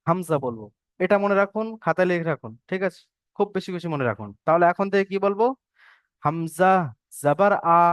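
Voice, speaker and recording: A man's voice: high-pitched, fairly bright tone, smooth, no echo, clean studio sound. A man teaching an online Quran reading class over a video call, patiently repeating points and drilling letter sounds.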